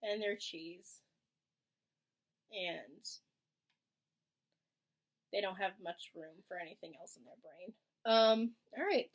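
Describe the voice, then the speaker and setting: A woman's voice: medium pitch, takes it slowly, pauses often. Blunt swearing young woman co-host. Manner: blunt, swears freely, lots of fillers. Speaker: podcast co-host. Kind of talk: casual chat.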